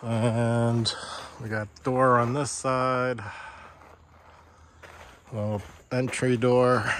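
A Vermont man with a mid-range, fairly bright voice walks through his building site outdoors, filming on a handheld phone with slight background noise. His casual narration is plain and matter-of-fact.

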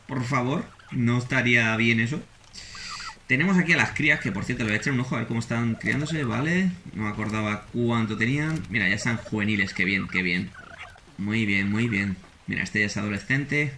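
A man with a Spain Spanish accent commenting on his own gameplay as a channel host, excitable and quick to repeat words in anxious bursts. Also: mid-range voice, a little hiss or hum. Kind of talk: let's play commentary.

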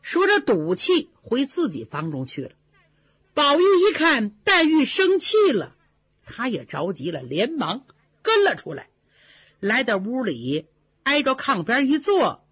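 An older woman performing traditional pingshu storytelling, animated, with chatty asides to the listener. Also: sits high, unhurried, breathy edge, no room sound. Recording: dull dry lo-fi recording.

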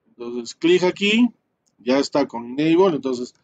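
Male instructor, higher-pitched, steps through commands slowly with fillers; dull lo-fi recording. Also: expressive, darkish tone, a little hiss or hum. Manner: explains step by step, many fillers and tag questions. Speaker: networking instructor. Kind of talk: live screen-share class.

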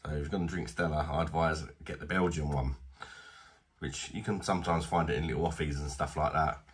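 A man's voice: very deep voice, steady tone, a little fast, slightly rough. A man in his thirties with a British accent, chatting bluntly and casually while reviewing a beer in a small home bar. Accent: British English. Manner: chatty, blunt, self-deprecating.

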